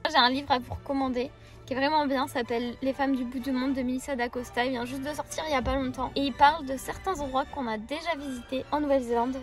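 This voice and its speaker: A woman's voice: sits high, steady tone, fast. A young woman co-hosting a casual vlog, chatty and explaining things. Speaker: co-host. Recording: loud crowd and music behind.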